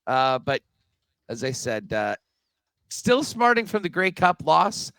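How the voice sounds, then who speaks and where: A man's voice: fairly high pitch, sing-song, slow pace, a bit bright, no room sound. Man on a video call, chatty sports talk. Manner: chatty, loose, with frequent um and uh. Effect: remote guest on a video call. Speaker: sports betting podcast co-host. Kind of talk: casual sports betting chat.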